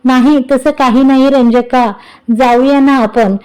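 A mischievous young wife in a storybook reading, voiced by a woman narrator. Her voice is soft, mellow and smooth. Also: sits high, steady tone, measured pace, rough recording. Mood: meek. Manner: playful, meek with elders.

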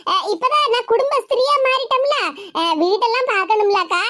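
Cartoon young wife, voiced by a woman, Tirunelveli accent, self-righteous, lecturing, very high voice. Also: expressive, fairly quick. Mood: smug. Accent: Tirunelveli Tamil. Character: young wife, proud and newly respectable.

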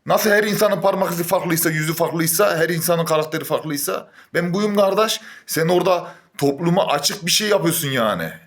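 Young male vlogger, angry rant, higher pitch, mutters then flares up, swears oaths. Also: fairly quick, hardly any pauses, fairly bright tone. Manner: heated, swings between muttering and raised voice. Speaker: gym-goer venting on camera.

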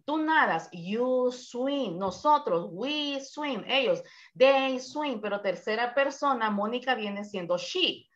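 A woman teaching an English class online, walking students through grammar with patient explanations. Her voice sits a little high. The call audio is dull and lo-fi. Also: fairly bright tone.

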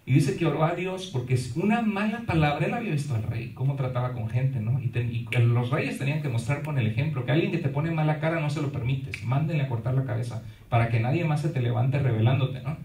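A man preaching a sermon as pastor, animated and full of rhetorical questions. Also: mid-range voice, quick pace, few pauses. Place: church hall. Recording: echoey hall, mic far off.

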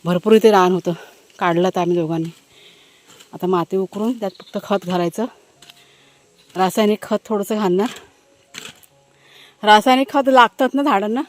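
A woman's voice: medium pitch, normal speed, long pauses. A woman family vlogger chatting casually to her viewers while she works outdoors in a village garden, talking fondly to her dogs, recorded on a handheld phone.

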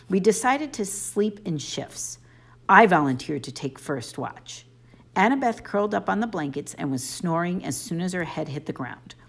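Low, expressive woman narrating a story. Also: slightly rough. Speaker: audiobook narrator. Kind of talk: scripted narration.

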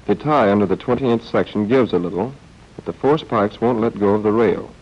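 A slightly fast, lower-pitched male voice delivers the wry, understated narration of a scripted 1940s training film. The American speaker was recorded as a film voice-over, and the old soundtrack sounds dull and band-limited.

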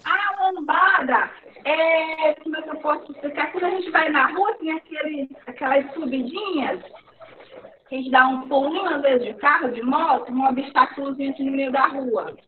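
A woman with a Brazilian accent teaching young children in an online class, patiently repeating words slowly in a sing-song way. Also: sits high, crowd noise. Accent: Brazilian Portuguese. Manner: slow, patient, sing-song word repetition. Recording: echoey, distant, phone-like online class audio.

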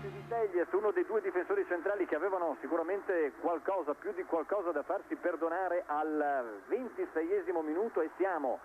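A male football commentator, pitched well above most men, calls the match play by play. The broadcast sound is dull and lo-fi, with stadium noise behind him. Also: moderate pace, few pauses. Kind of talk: live football commentary on television. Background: stadium crowd noise.

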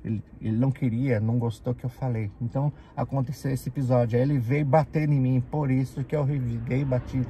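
A man from Brazil with a Brazilian Portuguese accent, telling an animated story casually and acting out the people in it. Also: medium pitch, fast, few pauses, a little hiss or hum. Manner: animated, acts out the people in his stories. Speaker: vlogger.

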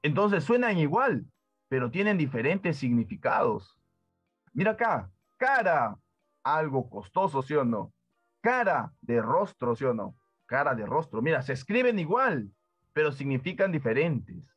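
A man giving a classroom-style lesson, often pausing to ask his listeners whether they follow. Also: a little high, slightly rough, dry recording. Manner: keeps asking "¿sí o no?" as a check-in, lively teacherly emphasis. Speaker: teacher. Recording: dull dry lo-fi voice with faint music.

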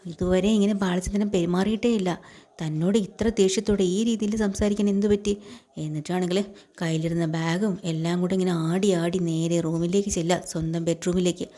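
Lady narrating a tv serial story, chatty, lowish mellow voice. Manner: conversational narration, voicing characters' lines in passing. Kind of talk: retelling a TV serial episode.

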